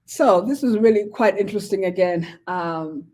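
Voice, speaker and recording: As a guest on a casual interview, a woman in her forties, originally from Zimbabwe and now a pastor, shares her story warmly, sprinkling in many fillers. She speaks at a moderate pace with a medium-pitched voice.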